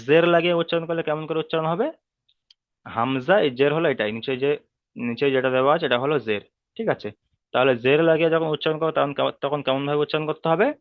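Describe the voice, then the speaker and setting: A man's voice: a little high, dry recording. Patient male teacher on a tinny call. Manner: patient, repeats and drills sounds slowly. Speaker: Arabic reading teacher. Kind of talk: online class instruction. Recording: dry, tinny phone-like call audio.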